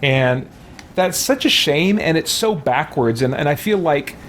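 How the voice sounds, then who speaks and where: A fairly high, bright male voice moves a little slowly and expressively, with slight background noise. As a streamer and let's play host, he chats with viewers, rambles through casual gameplay commentary, and reads and responds to chat.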